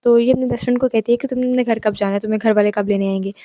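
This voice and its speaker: A woman's voice: on the high side, fairly even intonation, rapid-fire, no echo, highs cut off. A young woman casually telling a horror story, chatty and mixing in English asides. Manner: chatty, mixes English asides, exclaims at the listener.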